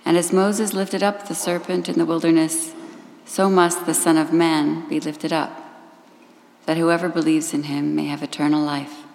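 Brief: low, level woman reader, cathedral echo, church reading. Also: flat delivery, gravelly, darkish tone, slight background noise. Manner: measured, formal reading. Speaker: gospel reader in a church service. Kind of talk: liturgical scripture reading. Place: large church sanctuary. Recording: echoey church hall with long reverb and faint ambience.

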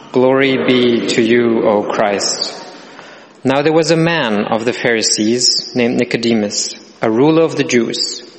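Man, gospel reader, measured solemn delivery, cathedral echo, long church reverb, mid-pitched voice. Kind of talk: liturgical scripture reading. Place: large church sanctuary.

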